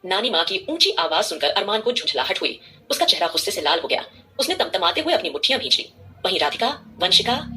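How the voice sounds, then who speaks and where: A woman narrating a dramatic audio story, reading expressively. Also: mid-range voice. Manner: expressive, fast-paced reading.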